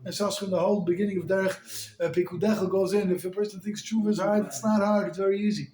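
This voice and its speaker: A high-pitched man teaching a Torah class, lively and animated as he talks. He folds Yiddish and Hebrew terms into his English. The room around him is roomy and echoey. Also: fast talker. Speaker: rabbi.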